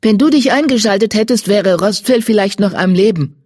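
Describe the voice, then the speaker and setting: A reader voicing an accusing tortoiseshell she-cat, pitched high and pressing. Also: expressive, normal speed, a little mellow, no echo, clean studio sound, natural voice.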